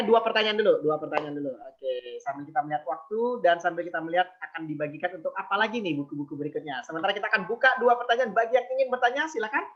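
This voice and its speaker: Man, webinar host, upbeat, sharp bright tone, muffled call audio. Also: high-pitched. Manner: upbeat, praising the guest. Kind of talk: hosting an online seminar. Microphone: video call.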